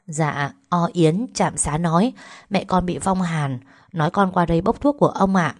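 A woman's voice: fairly low pitch, normal speed, close to an everyday voice. A woman doing an earnest young village girl. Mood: polite. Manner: polite, earnest, pleading. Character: 18-year-old village girl, devoted, determined daughter.

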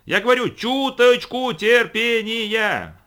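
Мужчина играет невозмутимого продавца. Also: male voice, medium pitch, fairly quick. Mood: shouting. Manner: calm, evasive. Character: cool, indifferent male salesman-inventor.

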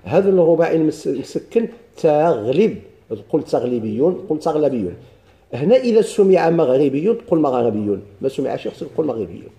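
Moroccan male teacher, slightly high but very mellow, dark voice, walks students through grammar and quizzes them as he goes. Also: expressive, brisk. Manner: explains step by step, quizzing students with questions. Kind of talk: classical grammar lesson.

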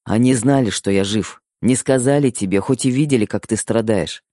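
A man's voice: medium pitch, moderate pace, dark tone, no room sound, studio quality, lightly acted. A man voicing a tough, blunt husband in an audiobook, speaking in coarse, plain words. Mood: angry. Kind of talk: audiobook character voice.

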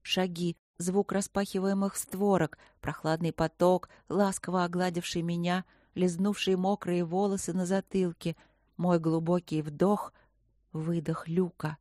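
Soft-spoken woman narrating an audiobook. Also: on the low side, little pitch movement, unhurried, no room sound, clean studio sound. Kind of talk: first-person audiobook narration.

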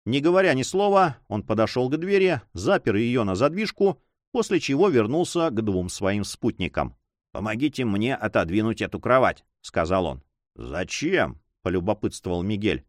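A man narrating a novel in an expressive storytelling manner. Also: mid-range voice, moderate pace, dry recording, clean studio sound. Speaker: audiobook narrator. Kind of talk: scripted narration.

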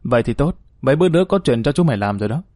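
A man's voice: medium pitch, lively intonation, very fast, a little mellow, dry recording, lightly acted. A man voicing a confident, protective leader who speaks in an easy-going, assured way, recorded dry. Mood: jovial.

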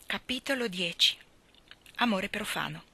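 A woman reading a novel aloud as an audiobook, voicing the dialogue with lively expression. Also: medium pitch, measured pace, breathy edge. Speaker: reader.

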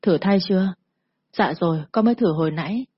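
A woman's voice: fairly low pitch, fairly quick, slightly rough, no echo, dull audio. A woman voicing a frightened young woman who speaks timidly and pleads politely.

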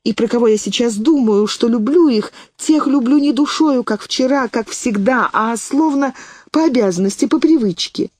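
A woman's voice: a little high, normal speed, darkish tone, no room sound, pitched above the performer's own voice, close to an everyday voice. A woman reading the part of a despairing young woman begging her aunt for help, raised and pleading. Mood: desperate pleading.

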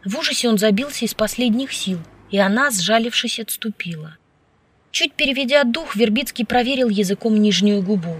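A woman narrating a novel as an audiobook in a steady, even storytelling manner. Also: on the high side, normal speed, slightly rough. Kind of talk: scripted narration.

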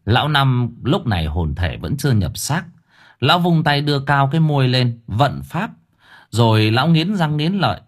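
Expressive male audiobook narrator. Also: mid-range voice, moderate pace, breathy edge. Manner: vivid, expressive storytelling. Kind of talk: dramatic story narration.

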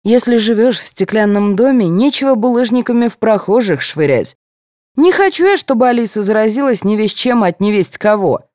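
A woman's voice: fairly high pitch, expressive, moderate pace, darkish tone, no echo, clean studio sound, voice pushed up, close to an everyday voice. A woman reading an audiobook, voicing an older grandmother who is fussy, quarrelsome and fiercely protective of her granddaughter. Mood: indignant. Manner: indignant, scolding.

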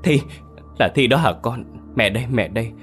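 A man's voice: mid-range voice, normal speed, soft background music, close to an everyday voice. A man voicing a grieving middle-aged mother who calls out to her dead daughter, sobbing and crying out. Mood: pleading.

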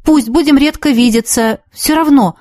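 An earnest young man in love who talks quickly and with intense focus, voiced by a woman reading a story. The voice stays raised above the reader's usual pitch, and the sound is close and dry. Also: dark tone, dry recording, lightly acted. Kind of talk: audiobook character reading.

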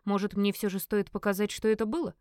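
A woman voicing a smug, teasing young man in an audiobook, in her own mid-pitched voice. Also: little pitch movement, fast, darkish tone, no echo, studio quality, close to an everyday voice.

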